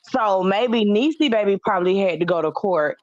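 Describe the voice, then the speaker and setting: A woman's voice: medium pitch, lively intonation, normal speed, darkish tone, no echo. A woman on a live online panel, talking in brash, teasing, profane casual chat. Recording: dull sound with faint noise.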